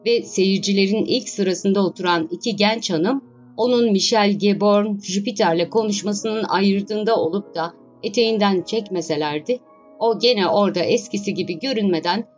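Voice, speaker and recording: Woman, audiobook narration, even storytelling, muffled low-fidelity sound. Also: moderate pace. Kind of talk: scripted narration of a classic novel. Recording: dull lo-fi recording with faint music.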